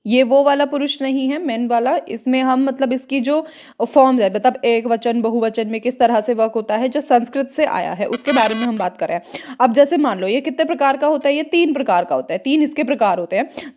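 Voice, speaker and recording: A woman teacher going through exam questions, explaining step by step and slowly repeating key words. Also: sits high, darkish tone. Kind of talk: exam-prep grammar lesson.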